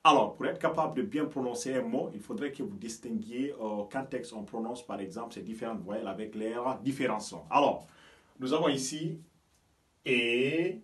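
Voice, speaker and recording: A man's voice: medium pitch, moderate pace. A man from Guinea teaching English vowels, explaining patiently and often checking with "ok?" and "you understand me?". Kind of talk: bilingual language lesson. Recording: voice from a distance from the mic.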